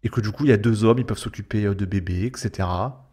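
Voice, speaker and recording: A young man on YouTube gives slangy, sarcastic reaction commentary, mocking and exasperated in a casual way. His voice sits on the low side and moves fast, and the recording is very noisy, with music playing underneath.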